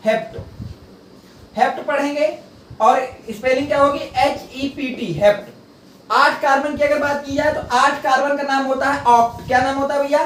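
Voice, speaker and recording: Male chemistry teacher, bright raised register, quizzes himself aloud; echoey room, mic at a distance. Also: extremely high pitch, fairly even intonation, moderate pace, slight background noise. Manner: rhetorical call-and-response questions; repeats key terms for drilling. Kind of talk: classroom lecture.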